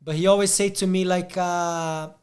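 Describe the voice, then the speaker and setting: A man's voice: high voice, fairly even intonation, moderate pace, darkish tone. A Brazilian man with a Portuguese accent, hosting a casual interview and rambling through his questions with restarts. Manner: rambling, frequent restarts and fillers. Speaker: podcast host.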